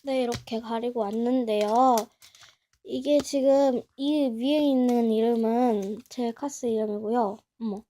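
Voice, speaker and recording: A young woman with a high, mellow voice chats through an unboxing at home. She is excitable and gushes as she talks to herself. The feel is relaxed and homemade. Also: measured pace. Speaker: vlogger. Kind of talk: casual unboxing chat.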